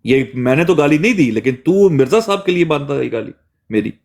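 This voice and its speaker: A man's voice: fairly high pitch, animated, fairly quick, creaky, a little mellow. A man hosting a heated religious debate stream, accusing and lecturing. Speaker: host reviewing clips.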